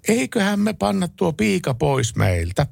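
A radio host voicing an indignant farm wife in a high falsetto while reading a listener's joke on air. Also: male voice, very animated, gravelly, darkish tone, husky, exaggerated voice. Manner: slow, exaggerated delivery of joke lines. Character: indignant middle-aged farm wife, shrill and upset.

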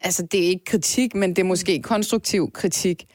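A woman's voice: fairly low pitch, darkish tone, dry recording, studio quality. A woman co-hosting a podcast, speaking frankly and bluntly with strong opinions. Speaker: podcast co-host. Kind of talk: casual podcast chat.

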